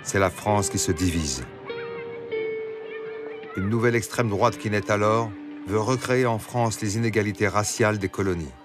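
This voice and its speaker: A man giving scripted documentary narration in a measured, solemn way. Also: lowish voice. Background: music.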